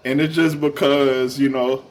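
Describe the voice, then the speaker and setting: A man's voice: mid-range voice, flat delivery, a little slow. A young adult man co-hosting a casual podcast, talking in laid-back slang and laughing often. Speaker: podcast co-host.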